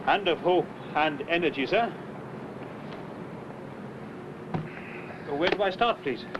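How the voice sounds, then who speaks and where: Man as a higher-pitched, deferential police subordinate. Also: lively intonation, moderate pace, close to an everyday voice. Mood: eager, deferential. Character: deferential, good-humoured Welsh police subordinate. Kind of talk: 1970s British television drama dialogue. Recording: muffled, noisy 1970s television location sound.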